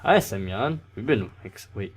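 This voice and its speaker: A man's voice: lowish voice, lively intonation, measured pace, husky. A man reading the part of an eager, nerdy teenage boy who runs a club, in a near-natural voice. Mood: welcoming.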